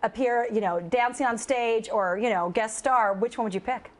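A woman's voice: fairly high pitch, moderate pace. A woman from Idaho hosting a live TV interview, bubbly and joking, often laughing. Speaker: TV news host.

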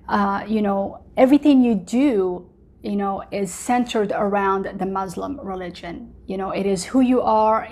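A woman's voice: mid-range voice, a little mellow. A woman in her forties, born in Morocco with Arabic as her first language, sharing a personal testimony as host in an earnest, chatty way with many fillers, recorded at home. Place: home living room.

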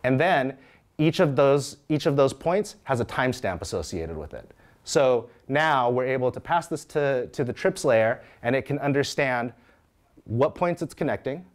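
A man's voice: medium pitch, expressive, moderate pace. A man in his thirties giving a live technical talk, walking through code in a conversational way and often checking in with "right?". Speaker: conference speaker. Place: meetup room with audience.

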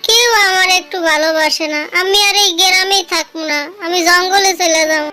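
Woman acting little village orphan boy, childlike, extremely high, plaintive, cartoon, background music. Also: steady tone, brisk, sharp tone. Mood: sorrowful. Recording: music behind the voice.

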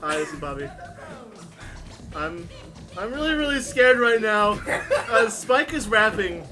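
A man's voice: sits high, expressive, a little slow, music in the background. A young man on a casual commentary, making wry remarks between laughs. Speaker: guest commentator.

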